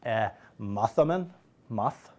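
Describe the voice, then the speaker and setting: A man's voice: lowish voice, expressive, slow. A man teaching a Greek grammar class, drilling students and joking with them. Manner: drills students, jokes and laughs. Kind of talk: classroom lesson.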